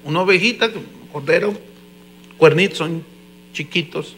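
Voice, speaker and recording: A man with a Mexican Spanish accent preaches in a high, bright voice. He tells his stories in an animated way, rising to loud emphasis and then dropping to hushed asides. A faint electrical hum sits under the recording. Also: measured pace. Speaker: pastor. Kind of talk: sermon.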